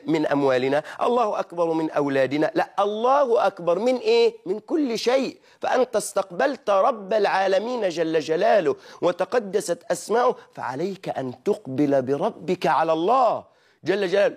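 Animated Egyptian preacher, fairly high voice. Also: male voice. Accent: Egyptian Arabic. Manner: animated teaching, mimics wrong pronunciations, asks and answers own questions. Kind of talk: religious lesson.

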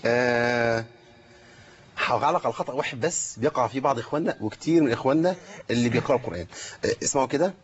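A man with an Egyptian Arabic accent teaches the rules of Quran recitation in a tajweed lesson with recited examples, posing questions and answering them himself. His medium-pitched voice is rapid-fire, and the recording has its highs cut off and slight background noise.

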